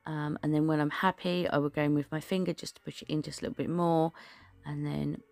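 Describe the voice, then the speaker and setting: A woman talks through a nail art tutorial in a casual, rambling voice-over. Her voice is low and has a gravelly fry. It is recorded close and dry, with soft background music. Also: flat delivery, a little fast, dry recording. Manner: chatty, rambling, many fillers and restarts.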